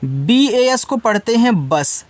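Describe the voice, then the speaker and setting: High-voiced man explaining a reading lesson. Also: sing-song, slow, dry recording. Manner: patient step-by-step explaining, casual asides to students. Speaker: English reading teacher.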